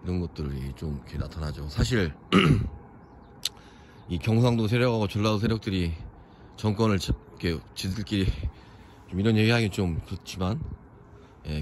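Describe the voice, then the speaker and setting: A man's voice: low voice, slight background noise. A young man from Chungcheong, South Korea, giving rambling, opinionated walking commentary at a hilltop fortress. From Chungcheong region, South Korea. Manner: rambling, opinionated, many fillers. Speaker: vlogger touring a historic fortress.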